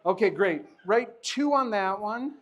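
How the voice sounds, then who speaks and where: High-pitched man doing magic show patter. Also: lively intonation, unhurried, very noisy. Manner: joking, chuckling, encouraging banter. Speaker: magician performing a live show. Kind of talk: live stage patter with a volunteer. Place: live show in front of an audience.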